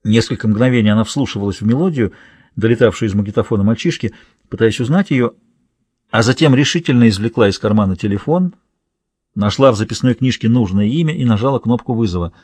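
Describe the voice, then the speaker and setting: A man narrating a thriller audiobook in a steady, measured reading. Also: on the low side, breathy edge, no room sound. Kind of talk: scripted narration.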